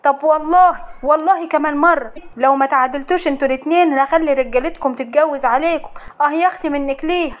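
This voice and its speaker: A woman's voice: high voice, quick pace, hardly any pauses, lightly acted. A woman voicing a domineering older Egyptian mother-in-law who scolds and gives orders. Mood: scolding. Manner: scolding, commanding.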